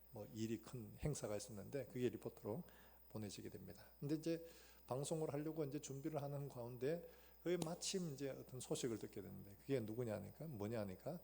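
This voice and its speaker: Male pastor, warm gravelly storyteller in a church sermon. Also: medium pitch. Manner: storytelling, acting out quotes with sudden loud outbursts. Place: church sanctuary.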